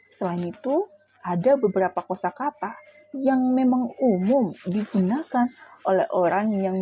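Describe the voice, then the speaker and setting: A woman's voice: medium pitch, mellow, slight background noise, rough recording. A woman reading out a prepared class presentation, explaining step by step with brief asides to her listeners. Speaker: student presenter.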